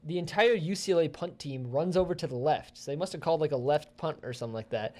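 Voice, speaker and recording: A young man co-hosting a casual sports talk show, chatty and quick with game recaps. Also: fairly high pitch, darkish tone. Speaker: co-host.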